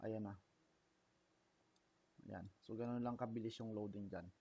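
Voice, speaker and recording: A man with a Filipino accent narrating a screen-recorded engineering software tutorial step by step. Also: lowish voice, moderate pace, vocal fry, husky, lo-fi sound. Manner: steady step-by-step narration of clicks, mixing Tagalog and English. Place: indoors at a computer, voice-over of screen capture.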